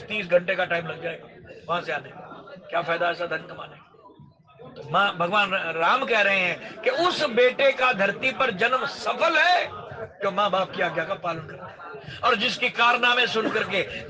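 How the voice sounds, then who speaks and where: A man giving a devotional storytelling sermon, chanting verses slowly and explaining them in lively speech. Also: high-pitched. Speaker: Ram Katha storyteller.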